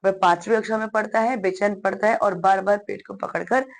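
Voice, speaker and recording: A woman's voice: medium pitch, steady tone, brisk. A woman teacher patiently explaining a one-act play to children and often addressing them directly.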